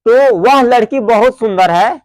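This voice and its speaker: A man with a very high, slightly mellow voice teaches grammar in a classroom, mixing Hindi and English and repeatedly posing questions he then answers himself. He dictates definitions slowly, one word at a time. The recording is studio quality with no room sound.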